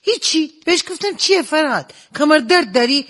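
A chatty teasing wife. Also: male voice, very high voice, lively intonation, very noisy. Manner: gossipy, teasing, often laughing. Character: chatty middle-aged wife, teasing and playful. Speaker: comic storyteller in a sketch. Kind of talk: comedy sketch dialogue.

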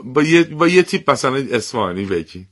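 A man's voice: medium pitch, big pitch swings, fairly bright tone, dry recording, studio quality. A man hosting a casual interview, asking questions in an easygoing way and laughing often. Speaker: host.

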